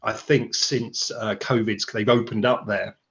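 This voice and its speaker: A British guitarist speaks in a somewhat low voice, telling his story in loose, rambling interview chat. He fills gaps with ums and uhs and restarts his sentences. The audio sounds dull and lo-fi, like a remote call. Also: little pitch movement, unhurried, fairly bright tone. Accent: British English. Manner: rambling, many fillers and restarts.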